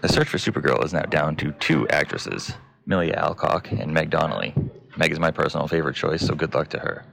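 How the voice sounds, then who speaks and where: A man's voice: a bass voice, brisk, gravelly, a bit bright. A man hosting a podcast, reading scripted entertainment headlines with casual asides. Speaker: podcast host.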